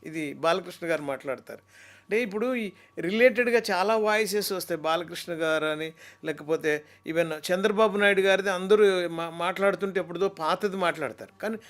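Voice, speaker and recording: A man, a mimicry artist, telling stories in an animated, talkative way during an interview. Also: sits high, brisk. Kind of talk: interview chat.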